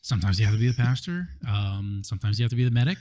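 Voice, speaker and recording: A man's voice: on the low side, rapid-fire. Easygoing Hawaii-raised male podcast host. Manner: relaxed, reflective, with frequent fillers. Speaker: podcast host, former police officer. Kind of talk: casual podcast conversation. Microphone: studio microphone.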